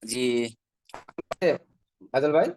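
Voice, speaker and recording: A man's voice: medium pitch, animated, very slow, darkish tone. A man giving an online product training over slides, asking rhetorical questions and checking in with his listeners often. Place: online call.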